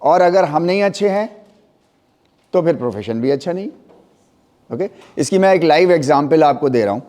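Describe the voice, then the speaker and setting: A man's voice: a little high, expressive, moderate pace, darkish tone. A middle-aged man lecturing an anatomy class, mixing Hindi and English and often checking that students follow. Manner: mixes Hindi and English, spells terms letter by letter; stresses pronunciation, asks checking questions. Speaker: anatomy teacher.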